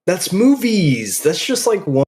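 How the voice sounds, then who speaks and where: A man co-hosting a podcast in casual chat, easygoing and quick to laugh. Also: high-pitched, big pitch swings, a little mellow. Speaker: podcast co-host.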